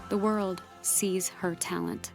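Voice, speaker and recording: An actress narrating as a composed young woman in measured, reflective drama voice-over. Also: on the low side, steady tone, gravelly, over music.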